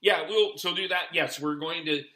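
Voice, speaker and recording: A man's voice: fairly high pitch, moderate pace, sharp tone. A man hosting a casual podcast chat, rambling and thinking aloud in restarts. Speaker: podcast host.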